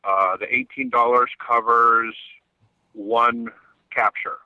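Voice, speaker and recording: A man leaving a voicemail for a call-in show, talking in a conversational, slightly halting way. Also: mid-range voice, fairly even intonation, clear, resonant tone, no room sound. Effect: played voicemail message. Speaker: caller. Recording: dull lo-fi voicemail line.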